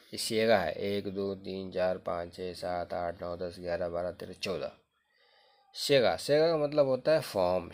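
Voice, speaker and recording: A man with a fairly low voice leads a classroom-style grammar lesson. He explains patiently, repeats key terms over and over, and keeps checking that the listener follows. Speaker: Arabic grammar teacher.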